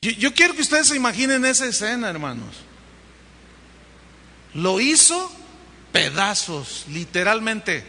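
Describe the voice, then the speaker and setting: Animated preacher, bright voice. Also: male voice, high voice, measured pace, pauses often, in a large hall. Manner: animated, asks the congregation questions. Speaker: pastor. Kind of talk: sermon.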